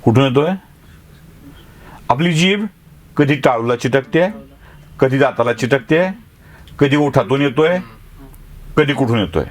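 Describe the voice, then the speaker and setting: A man's voice: medium pitch, expressive, a little slow, pauses often. A man teaching a class, who sounds out letters one by one and keeps asking the students rhetorical questions. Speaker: journalism teacher. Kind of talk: classroom lecture.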